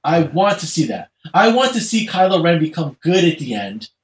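A man's voice: a little high, big pitch swings, normal speed. A man in casual, rambling discussion as a podcast panelist, recorded in an echoey room.

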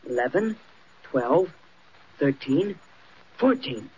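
An actor playing an eager, bold young male cub reporter who speaks in excited exclamations, in 1940s radio acting on an old recording. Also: a little high, slow pace. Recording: dull old radio recording, faint hiss.

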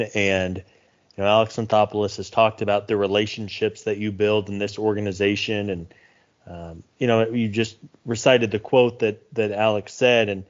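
Earnest man on a muffled podcast. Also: lowish voice. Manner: earnest, reflective, with many fillers. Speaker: podcast co-host. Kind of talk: casual sports podcast talk.

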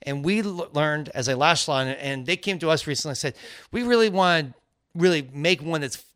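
A man's voice: on the high side, animated, fairly quick, fairly bright tone, no echo, studio quality. A man co-hosting a business podcast, talking in a rambling, upbeat, conversational way. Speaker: podcast co-host. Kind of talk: casual business podcast chat.

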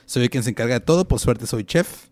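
A man's voice: mid-range voice, expressive, a little fast, darkish tone, no room sound. A Mexican man co-hosting a casual podcast, joking with friends and reading viewer comments aloud. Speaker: podcast co-host.

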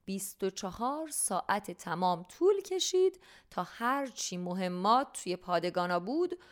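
A woman narrating a humorous storybook for teenagers in a playful, lively manner. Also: medium pitch.

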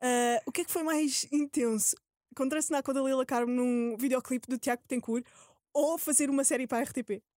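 A woman's voice: sits high, fairly even intonation, brisk, darkish tone, no echo, clean studio sound. A young woman with a European Portuguese accent hosting a casual interview, informal and slangy with English words mixed in. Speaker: podcast host.

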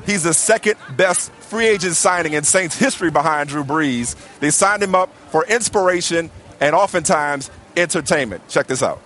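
A man's voice: a little high, normal speed, a bit bright, a little hiss or hum. A man hosting a live sports show from a red carpet with gushing, hyped-up chatter about the guests.

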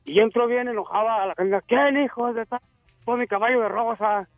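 A man's voice: very high-pitched, steady tone, fairly quick, dry recording, faint music behind. A man calling in to a radio show, telling a joke in a casual, slangy way. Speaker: radio caller. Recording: dull phone-in line.

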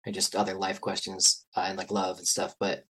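A man speaking as a guest anthropologist in a casual podcast conversation, rambling with many fillers and trailing off softly. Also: sits low, monotone, brisk, husky, low-quality recording.

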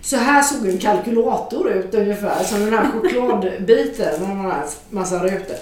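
A middle-aged woman spins a story for listeners, frank and lively, with casual swearing and acted-out dialogue. Her voice sits at an ordinary pitch. It rings through a very echoey space, picked up from some distance away. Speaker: author telling an anecdote. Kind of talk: spoken storytelling to an audience.

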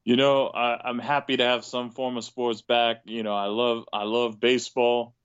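An American man co-hosting a sports podcast, chatting casually and haltingly, often repeating words. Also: medium pitch, flat delivery, clear, resonant tone, no room sound, lo-fi sound.

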